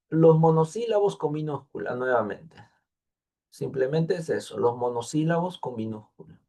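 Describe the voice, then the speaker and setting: A man guides his thesis students through formatting rules in a patient, repetitive way, pausing to think aloud. His voice is mellow and dark, with a gravelly edge at the ends of phrases. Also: a little high. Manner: patient, repeats details, thinks aloud with fillers. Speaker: thesis advisor. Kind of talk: online class instruction.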